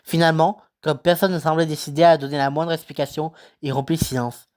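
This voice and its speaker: A woman storyteller reading a children's novel aloud, steady and unhurried, with small slips. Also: low voice.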